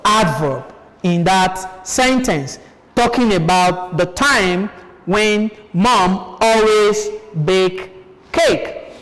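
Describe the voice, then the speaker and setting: A woman's voice: on the high side, a little hiss or hum. A Nigerian woman teaching a televised primary-school lesson, asking questions and repeating sentences for pupils. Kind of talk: classroom lesson on TV. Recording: echoey room with long reverb.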